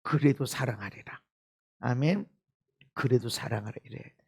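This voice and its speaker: A middle-aged man, a pastor preaching a sermon, who swings between emphatic shouting and hushed, near-whispered lines and repeats phrases for stress. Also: mid-range voice, moderate pace, gravelly, husky.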